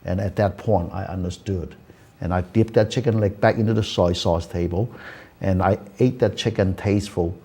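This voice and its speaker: Older guy from hong kong hosting a talk show, low husky voice, earnest, lots of "you know". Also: fairly even intonation, moderate pace, warm tone. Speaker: host. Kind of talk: casual chat. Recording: community access TV studio.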